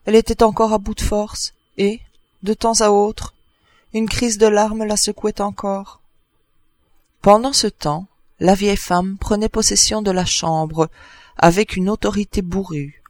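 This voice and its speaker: A man reading a novel aloud as an audiobook narrator, in a measured storytelling manner. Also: high-pitched, level tone, no room sound. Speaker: audiobook reader. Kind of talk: literary narration.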